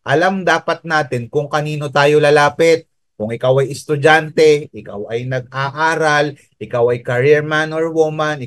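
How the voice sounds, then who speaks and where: A Filipino man delivers a sermon, moving between Tagalog and English as he reads scripture in a slow, drawn-out way. His voice sits a little high for a man. The sound is dry and close, with no room around it. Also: no room sound. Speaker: pastor.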